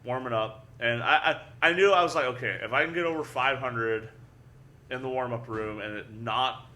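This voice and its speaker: A young adult man, a powerlifter and guest, telling a story in casual chat, animated and swearing freely, often repeating words. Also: medium pitch, normal speed.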